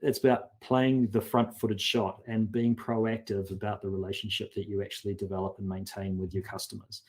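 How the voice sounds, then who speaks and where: A man's voice: lowish voice, darkish tone. A man speaking as a consultant guest in a casual podcast interview, earnest and often repeating words as he restarts.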